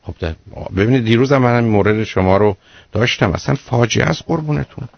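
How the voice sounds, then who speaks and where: A man's voice: vocal fry, no room sound. A man hosting a radio call-in show as a psychologist, giving blunt, lecturing advice to a caller. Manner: blunt, lecturing, rises in pitch when exasperated. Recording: muffled radio broadcast, dry studio.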